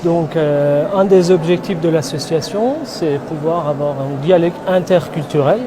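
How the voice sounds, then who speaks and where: A man's voice: a little high, moderate pace. A man from the organizing association answering interview questions, hesitant with many fillers. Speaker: association member. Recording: noticeable background noise.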